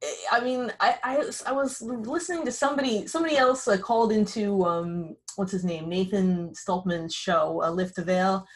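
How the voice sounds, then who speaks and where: A woman's voice: medium pitch, moderate pace, few pauses. A woman hosting a podcast interview, talking in a wry, rambling way with frequent self-corrections. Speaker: podcast host. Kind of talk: casual conversational interview.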